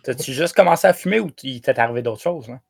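A man's voice: medium pitch, lively intonation, fast, gravelly, no echo. A young man co-hosting a podcast, telling stories with many hesitations. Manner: hesitant, filler-heavy storytelling. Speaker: podcast co-host. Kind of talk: casual chat.

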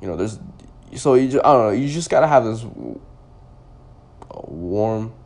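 A man's voice: fairly low pitch, expressive, normal speed, a little mellow. A young man in his twenties, a podcast host, telling a personal story in a loose, rambling way full of "like" and restarts. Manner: rambling, heavy use of "like" and restarts.

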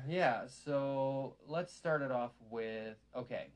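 A man's voice: medium pitch, slow pace. A man hosting a casual chat, talking in rambling, meandering sentences.

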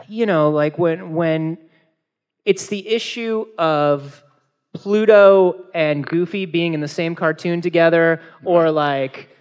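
A man's voice: fairly high pitch, takes it slowly, smooth. A man hosting a live podcast panel at a convention, rambling and jokey with plenty of filler. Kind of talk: casual comedic banter.

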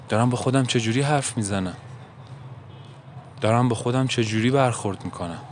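Earnest musing man, faint traffic behind. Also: medium pitch. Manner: earnest, musing, asks himself questions. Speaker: self-help podcaster. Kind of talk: reflective monologue.

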